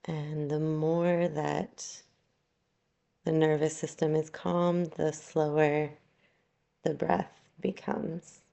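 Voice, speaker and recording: This yoga nidra instructor has a low, creaky-edged voice that shows little pitch movement. She guides gently and slowly, pausing at length.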